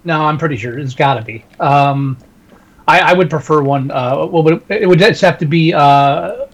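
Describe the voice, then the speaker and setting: A man's voice: a little high, moderate pace. A man co-hosting a casual podcast chat, swearing freely and stammering, his voice tinny and metallic through a webcam microphone. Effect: tinny metallic sound from a webcam mic. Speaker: podcast co-host.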